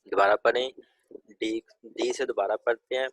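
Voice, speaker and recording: A man leads a classroom pronunciation lesson at a patient, steady pace. He sounds out letters one at a time and asks the students to repeat them aloud. His voice sits at a middle pitch, and the recording is dry with no room echo. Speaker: Chinese language teacher.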